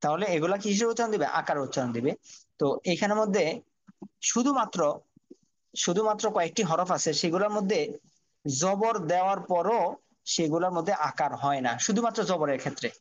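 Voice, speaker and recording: A man's voice: sits high, expressive, a little fast, pauses often, highs cut off. A man teaching Quran reading online, patiently spelling out Arabic letters and drilling each sound.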